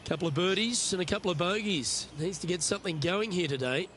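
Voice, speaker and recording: A man's voice: high voice, quick pace, very noisy, natural voice. A man playing a golf commentator, calling the play shot by shot in a tournament. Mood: measured commentary. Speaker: golf commentator, lead announcer.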